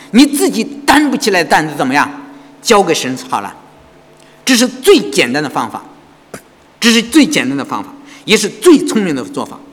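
A man delivers a sermon in a church hall, his voice high and swinging widely in pitch. His tone is a little husky, and the long reverb of the hall trails after every phrase. He keeps turning to the congregation with rhetorical questions. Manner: animated preaching with frequent rhetorical questions to the congregation. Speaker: pastor.

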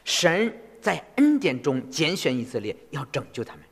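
A man interpreting a sermon phrase by phrase in an animated way. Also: fairly high pitch, moderate pace, breathy edge. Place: church hall. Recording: long reverb of a church hall.

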